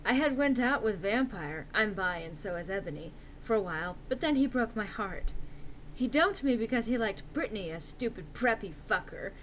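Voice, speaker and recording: Woman doing a hammy dramatic story reading, sharp bright voice, faint noise in back. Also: medium pitch, lively intonation, moderate pace, rough recording. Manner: hammy, theatrical delivery. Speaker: reader. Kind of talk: dramatic reading of fan fiction.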